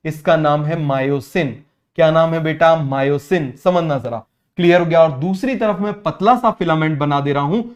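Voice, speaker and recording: A young man teaching biology, constantly asking students whether it is clear and having them repeat terms. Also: fairly high pitch, moderate pace. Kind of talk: online exam-prep class.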